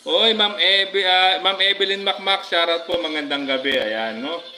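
A man with a Filipino accent, chatting casually on a live stream, giving viewers shoutouts with many fillers. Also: high-pitched, moderate pace, slight background noise, poor audio. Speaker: livestream vlogger.

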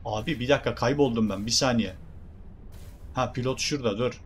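A young Turkish-accented man streams a game and jokes with his viewers in an excitable way. His voice has an ordinary middle pitch. A faint hiss sits under it. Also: a little fast. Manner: excitable, jokey, talks to viewers. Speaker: gaming streamer. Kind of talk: game commentary.

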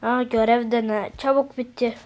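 A woman narrating a game video in a chatty, teasing way, often dropping into hushed asides. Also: a little high, steady tone, moderate pace, slight background noise. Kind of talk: playful game narration with character voices.

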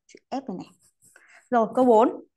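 Female teacher, slightly high voice, courteous and patient, mixes English into class talk. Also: quick pace, mellow, highs cut off. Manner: polite, patient, adds courteous particles to most sentences; mixes English words into explanations. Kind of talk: online class lesson.

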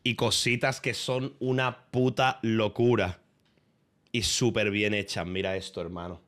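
A man's voice: fairly low pitch, little pitch movement, a little slow, noisy background. A man, chatting casually on a live stream while he games, swearing freely and breaking into laughter.

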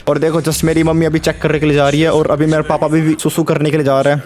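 A man's voice: a little high, completely flat delivery, fast, crowd noise. A young man giving playful let's-play commentary, pleading jokingly with the game characters. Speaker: gaming YouTuber.

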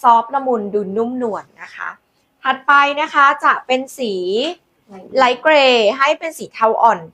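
A woman hosting a live sales pitch, demonstrating products in a chatty, coaxing way with polite endearments to customers. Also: lively intonation, moderate pace, bright, forceful tone. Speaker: live-selling host presenting handbags.

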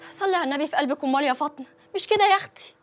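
A woman's voice: high voice, very fast, fairly bright tone, soft background music. An actress with an Egyptian accent playing a practical village woman who soothes and advises her friend. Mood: consoling. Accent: Egyptian Arabic.

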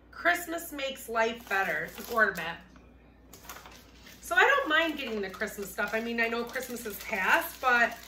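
A woman's voice: a little high, pushed and bright. A woman chatting casually and cheerfully as she unboxes resale items, thinking aloud. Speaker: reseller vlogger. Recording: echoey room, mic at a distance, noisy.

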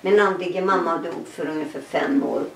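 A middle-aged woman giving a personal testimony in an interview, telling her story with animated, laughing re-enactments of dialogue. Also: fairly low pitch, creaky, reverberant, far from the mic, a little hiss or hum, poor audio.

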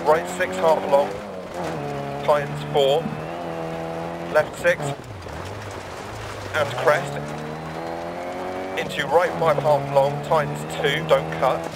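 Gravelly rally co-driver, clipped pace notes. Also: male voice, on the high side, little pitch movement, slow, pauses often, over loud music. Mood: brisk, focused. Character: male rally co-driver, brisk and focused. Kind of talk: rally pace-note calling in a racing game. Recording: loud car engine noise. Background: roaring rally car engine.

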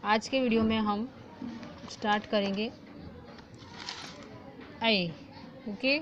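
A woman teacher with an Indian accent giving a recorded lesson, reading syllables slowly and drawn out, and mixing in English. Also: medium pitch, fairly even intonation. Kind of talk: online class lesson. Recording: dull lo-fi sound with faint background noise.

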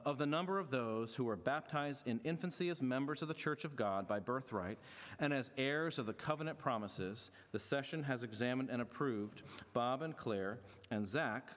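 A middle-aged male pastor speaks from the pulpit of a large church, his voice carrying a long hall reverb. He has a mid-range voice for a man and moves between formal, measured reading and easygoing, joking remarks to the congregation. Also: medium pitch. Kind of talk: church membership service address. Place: large church sanctuary with stage.

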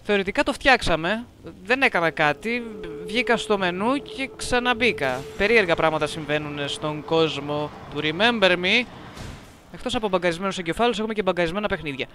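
High bright-voiced guy doing a let's play, jokes around, talks to the game, scratchy throat, bit of hiss. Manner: joking, talks to the game, reads on-screen text aloud. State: coughing, sore throat. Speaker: gameplay commentator. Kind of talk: casual let's-play commentary.

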